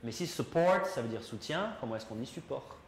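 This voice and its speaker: A man's voice: medium pitch, expressive, brisk. A man teaching an English class, explaining in a chatty way and putting questions to his students. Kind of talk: classroom lesson. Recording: roomy classroom echo, faint noise.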